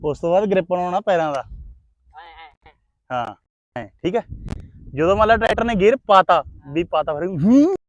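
A man's voice: high voice, lively intonation, moderate pace, pauses often, no echo. A man with a Punjabi accent talking casually and explaining things in a vlog. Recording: dull, dry lo-fi sound.

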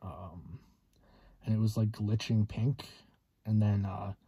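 Dark-voiced, halting young man. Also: lowish voice, fairly even intonation, breathy edge, no echo. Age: 20s. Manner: hesitant, halting with long pauses. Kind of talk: casual vlog monologue. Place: inside a parked car.

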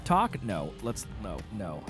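A man's voice: lowish voice, wildly swooping pitch, slow, music in the background. A man in his thirties giving casual live commentary as he streams a video game, close on the mic. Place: small room indoors. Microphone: close microphone on a stand.

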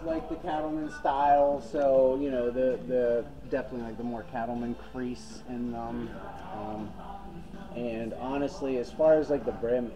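A man's voice: medium pitch, low-quality recording. A man working as a hat store salesperson, explaining hats in casual chat with lots of fillers, recorded inside a big western wear store. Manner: chatty, explains with many fillers. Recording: store music playing behind.

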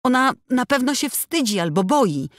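An indignant, outspoken working woman, as a female audiobook reader puts her on, raised and heated, pressing every accusation hard. Her talk swings widely in pitch and goes up in force. It comes from a close mic in a dry studio, with no room sound behind it. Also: big pitch swings, normal speed, no echo. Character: indignant middle-aged woman worker, outspoken. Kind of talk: audiobook dialogue reading.

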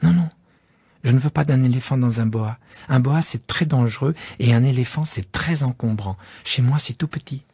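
A man voicing a gentle, curious little boy prince in a storybook reading, softly and often half-whispered. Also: medium pitch, normal speed, slightly rough, no room sound, pitched above the performer's own voice. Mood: pleading.

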